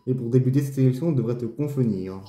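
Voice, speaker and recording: Brief: a man voicing a stern golf official, slow and deliberate, dark mellow tone, echoey room. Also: mid-range voice, lightly acted. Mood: reading. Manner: reads on-screen game dialogue aloud, slow and deliberate. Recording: roomy echo, faint game music.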